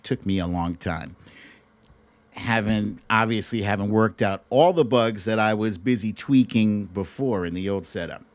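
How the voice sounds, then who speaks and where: In an unhurried, lowish voice, a middle-aged man hosts a livestream show and rambles casually to his viewers. He uses a streaming microphone at his laptop, and there's no room sound on the recording.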